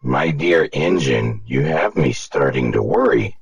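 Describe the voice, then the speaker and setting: A gruff old steam locomotive with a booming grandfather voice. His tone sits extremely deep and grinds with gravel. He talks slow and heavy, full of regret. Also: lively intonation, muffled recording, a crowd in the background, heavily acted. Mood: concerned. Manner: slow, weighty, rueful. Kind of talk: audiobook character voice.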